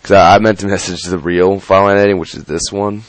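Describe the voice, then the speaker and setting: Very deep-voiced young man ranting. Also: steady tone, quick pace, no room sound. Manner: rambling and annoyed, with frequent restarts and swearing. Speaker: YouTube channel owner. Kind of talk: casual vlog rant to viewers.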